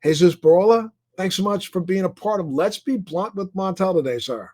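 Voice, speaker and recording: Eager podcast host, slightly high man. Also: normal speed, dark tone. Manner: eager, piles up repeated questions. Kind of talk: casual interview.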